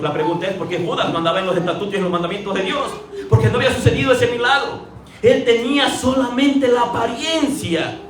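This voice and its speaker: A man's voice: sits high, a little hiss or hum. A man preaching a sermon with emphatic repetition and rhetorical questions. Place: church. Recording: echoey church from far off, faint ambience.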